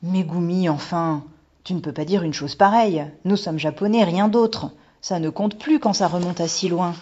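A stubborn young father, grumbling and insistent, as a woman reads him in a storybook. The voice is husky and a bit dark. The recording is lo-fi. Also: low-pitched, normal speed. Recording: dull lo-fi recording.

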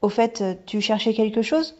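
A small curious boy, friendly and quick, as a woman puts him on. The voice is high and a little husky. The recording is dull and lo-fi. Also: lightly acted.

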